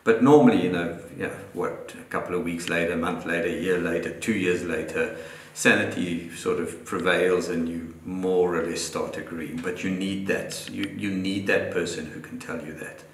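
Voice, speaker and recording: Middle-aged panel guest, very deep voice, thoughtful and restarting, roomy recording. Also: male voice, steady tone, normal speed, a little hiss or hum. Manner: reflective, restarts phrases often. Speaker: guest photographer. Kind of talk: live panel discussion. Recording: roomy echo.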